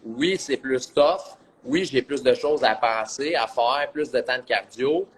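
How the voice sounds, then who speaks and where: A man's voice: mid-range voice, measured pace, slight background noise, low-quality recording. A man with a Quebec French accent, co-hosting a casual chat and explaining his view point by point. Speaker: co-host.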